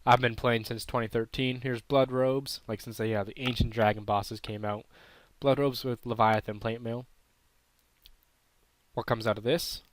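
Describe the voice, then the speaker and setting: A man's voice: medium pitch, fairly even intonation, moderate pace. A man with a throat irritation giving casual, unsure, self-correcting commentary while playing a mobile game. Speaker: gaming channel host.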